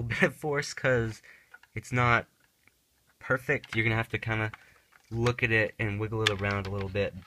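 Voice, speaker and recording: Bright-voiced excitable man unboxing gear. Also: fairly low pitch, a little hiss or hum. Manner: excitable, chatty, self-mocking. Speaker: gaming YouTuber. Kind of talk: casual unboxing and setup tutorial.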